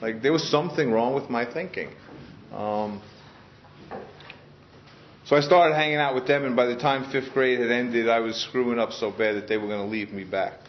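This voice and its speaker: A middle-aged man speaks earnestly to a gathered group, his voice sitting at an everyday middle pitch. He stumbles and restarts as he shares his story from the heart. The recording is dull and lo-fi. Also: fairly even intonation, moderate pace, a little hiss or hum. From Queens, New York. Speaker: speaker sharing his story at a recovery meeting. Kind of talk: personal testimony to a group. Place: meeting room in front of a group. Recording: dull lo-fi sound.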